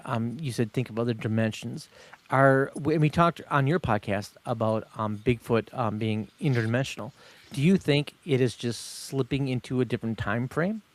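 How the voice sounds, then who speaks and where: A man co-hosting a podcast, asking questions with a few stammers and fillers. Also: medium pitch. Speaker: podcast co-host. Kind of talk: casual interview.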